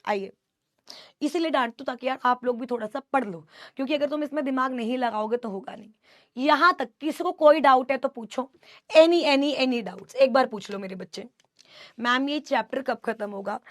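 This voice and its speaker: High-voiced woman teacher, scolding fondly. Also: moderate pace, no echo, clean studio sound. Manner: affectionate yet scolding, mixing Hindi and English. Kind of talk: live online class, answering student doubts.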